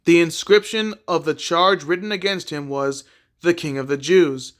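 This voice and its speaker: A man reading a Bible chapter aloud in a plain, unhurried way, with a few small slips and repeated words. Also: fairly high pitch, fairly bright tone. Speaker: scripture reader.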